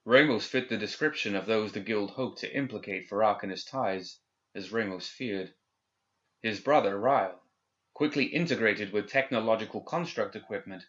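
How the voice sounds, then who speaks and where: An audiobook reader narrates a scripted story aloud in a lowish, fairly bright voice. The recording sounds slightly dull and band-limited.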